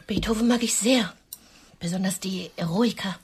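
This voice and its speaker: In a radio drama, an actress plays a nervous, coy, wounded single woman politely flirting on a date. Her medium-pitched delivery is measured and at times breathy, with a soft, confiding mood.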